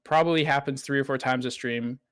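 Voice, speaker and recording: A man who streams games talks openly about his habits, reflective and unhurried, with frequent fillers. His voice sits at an ordinary pitch. The recording is dry with no room sound. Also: fairly even intonation, fairly bright tone, no echo. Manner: reflective, candid, with fillers and restarts. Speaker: streamer and guest. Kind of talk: casual interview chat.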